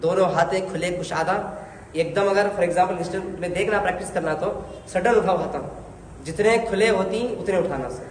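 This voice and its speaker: A male religious teacher with a high voice speaks at a moderate pace while giving hands-on prayer instruction, correcting and coaxing his learners. The sound is roomy, as in an echoey hall, with faint background noise.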